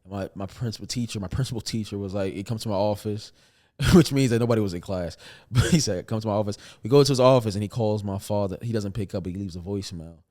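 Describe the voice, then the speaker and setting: A young man with a fairly low voice tells stories on a podcast as a comedian guest. He talks in a loose, joking way, trailing off and starting again, and slips into playful voices for the people in his stories. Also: fast talker. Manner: animated, joking storyteller, trails off often. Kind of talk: casual storytelling interview.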